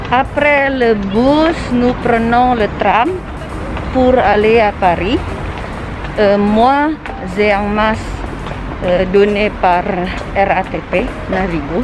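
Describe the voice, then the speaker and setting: A woman's voice: mid-range voice, slow pace. A woman with a Sundanese-Indonesian accent, narrating a casual vlog outdoors in a city, hesitant and playful, with many fillers. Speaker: vlogger. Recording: music playing under the voice.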